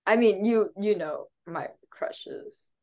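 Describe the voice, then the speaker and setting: A young woman with a medium-pitched, somewhat dark voice co-hosts a podcast, speaking slowly and sounding congested. The talk is casual and rambling, full of fillers and restarts, and she laughs often.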